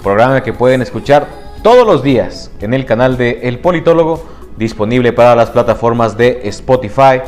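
A man's voice: mid-range voice, lively intonation, moderate pace, a little mellow, soft background music. A man co-hosting a news podcast, reading international headlines with joking asides. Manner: joking, self-mocking asides. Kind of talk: news read with banter.

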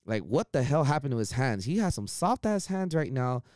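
A man in casual sports chat, blunt and animated, swearing freely as he gives his opinions. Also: medium pitch, normal speed, dry recording, studio quality. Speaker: podcast co-host.

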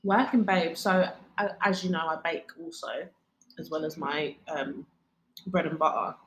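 A woman's voice: deep voice, moderate pace, fairly bright tone, a little hiss or hum. A British woman co-hosting a podcast in casual, slangy chat, tired from a sleepless night, laughing easily. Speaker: podcast co-host. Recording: echoey room.

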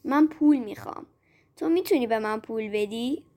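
A woman voicing a needy boy who grows into a tired old man, in a storybook reading, in a plain, slightly lowered voice. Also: darkish tone, natural voice. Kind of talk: storybook narration.

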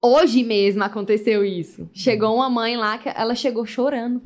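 A woman's voice: on the high side, moderate pace. A young adult woman, a family photographer, chatting casually in a live session and acting out the lines of the people in her stories. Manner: lively storyteller, acts out dialogue.

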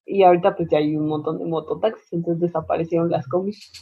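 A Mexican woman chatting casually, telling lively stories and acting out shouted bits. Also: fairly low pitch, fast talker, breathy edge. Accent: Mexican Spanish. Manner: animated storyteller, acts out shouted quotes. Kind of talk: casual chat. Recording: phone-like lo-fi line.

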